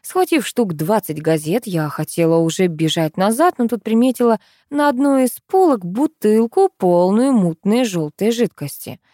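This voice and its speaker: A woman narrating a comic first-person audiobook in a lively, dramatic manner. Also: medium pitch, moderate pace, hardly any pauses, no room sound, clean studio sound.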